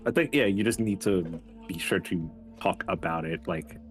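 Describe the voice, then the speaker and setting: Podcast co-host, male, lower register, rambling and loose, faint music underneath. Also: normal speed. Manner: rambling, filler-heavy, swears casually. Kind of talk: casual chat.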